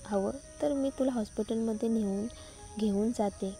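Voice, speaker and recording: A woman's voice: fairly high pitch, moderate pace, mellow, soft background music, close to an everyday voice. A woman voicing a kind, friendly young woman in a storybook, speaking in a caring, concerned way.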